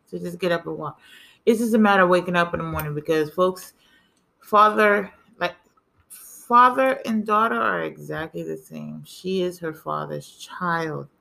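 A middle-aged woman from the Bronx, her New York accent carrying a Spanish lilt. Her voice is bright and clear, and she tells everyday stories in a lively, animated way while co-hosting a relaxed chat. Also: on the low side, moderate pace. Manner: animated storytelling with lively asides. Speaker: podcast co-host. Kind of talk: casual chat.

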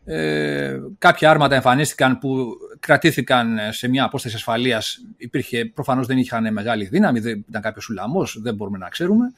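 A man's voice: medium pitch, gravelly, few pauses, fairly bright tone. A man co-hosting a podcast, explaining events at length in casual analytical chat, full of fillers and openly sceptical. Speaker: podcast co-host.

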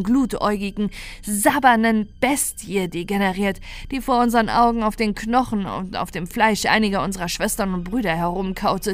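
A woman reading a horror story aloud in a steady, measured narration. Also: medium pitch. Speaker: audiobook narrator.

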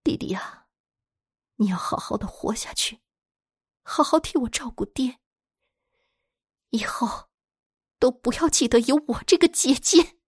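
A woman voicing a jealous, tormented young woman who swings between high cries and breathy whispers. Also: big pitch swings, a little slow, pauses often, dry recording, studio quality, exaggerated voice. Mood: mournful.

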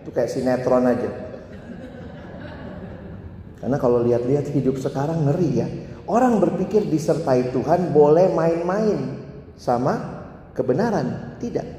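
Indonesian pastor preaching in an echoey hall. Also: male voice, fairly high pitch, moderate pace, long pauses. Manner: storytelling with acted-out quotes, swinging between loud and hushed. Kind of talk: sermon. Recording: echoey hall with long reverb.

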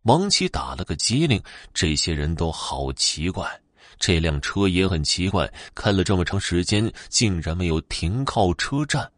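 A man narrating a ghost story with an expressive, dramatic delivery. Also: low-pitched, moderate pace, dry recording, studio quality.

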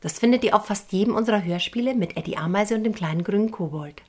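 Woman, children's host, husky voice, addresses kids directly. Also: medium pitch, fast talker, a little mellow. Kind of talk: introducing a song to kids.

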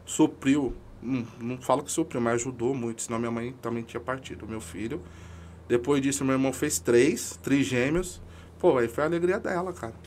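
A man's voice: medium pitch, fairly quick, a little mellow, a little hiss or hum. A man, a podcast guest talking casually in an emotional, slangy, emphatic way about his amateur football club. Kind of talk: casual chat.

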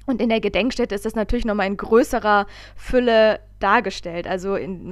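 Hosting a podcast, a woman chats casually, telling things in a rambling, emphatic way. Her mid-range voice sounds smooth, with no room sound at all.

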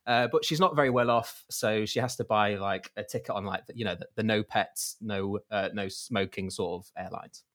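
A young man hosting a podcast, telling jokes in a rambling, animated way and signing off. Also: on the low side, moderate pace, few pauses. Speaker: podcast host. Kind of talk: casual joke-telling and sign-off.

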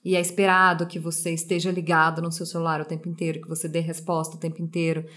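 A woman co-hosts a podcast in casual conversation. She speaks in a measured, reflective way, picking her ideas apart as she talks. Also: low-pitched, monotone, a bit bright. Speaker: podcast co-host.

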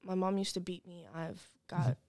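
A woman in her early twenties talks candidly and informally as an interview guest, a podcast guest who is also a program client. Her voice is lowish and a little mellow, her pace moderate, and the recording is dry.

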